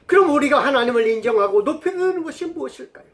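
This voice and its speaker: A man's voice: very high voice, expressive, fast talker, a bit bright. A male pastor giving a sermon, telling stories and asking the congregation questions. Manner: storytelling, asks the congregation questions.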